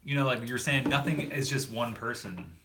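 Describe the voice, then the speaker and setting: A man's voice: medium pitch, fairly quick, fairly bright tone, slight background noise. A man hosting a casual chat, easygoing and slangy, full of fillers. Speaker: host.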